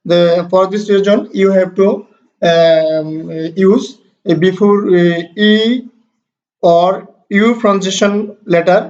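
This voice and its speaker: A man teaching English grammar in a recorded lesson, explaining rules patiently, with many hesitations and slow, deliberate reading of English examples. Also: sits high, steady tone, a little mellow. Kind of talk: recorded lesson, mixing two languages. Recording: dull lo-fi recording.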